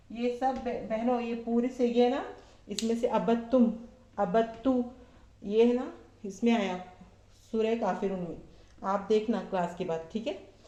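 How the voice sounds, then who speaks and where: A woman teaching Arabic verb forms to a class of women, asking questions and answering them herself, repeating each form slowly. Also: mid-range voice, mellow, echoey room, lo-fi sound. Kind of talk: slow classroom lesson.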